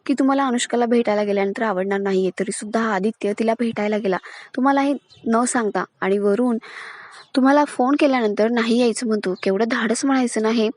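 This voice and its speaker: A spiteful, scheming sister-in-law, voiced by a woman retelling a serial taunts in a plain, steady voice. The recording is dry and close. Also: fairly high pitch, fast talker, no echo, lightly acted. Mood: taunting.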